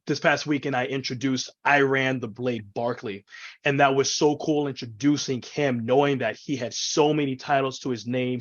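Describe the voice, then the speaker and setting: Man, animated conversational storyteller from New York City, mid-pitched, lo-fi call audio. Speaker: ring announcer and event MC, interview guest. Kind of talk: casual interview chat. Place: indoors, on a video call. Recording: dull, lo-fi video call audio.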